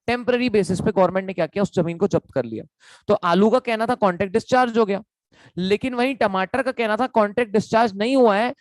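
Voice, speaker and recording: A man's voice: high voice, no echo, rough recording. A man teaching an online law lecture, repeating key points and asking his students questions.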